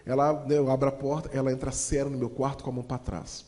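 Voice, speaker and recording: Man, Brazilian Portuguese accent, motivational storyteller, lively, audience-facing, mellow, long hall reverb. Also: mid-range voice, fast talker. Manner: lively, acts out voices, addresses audience as "gente".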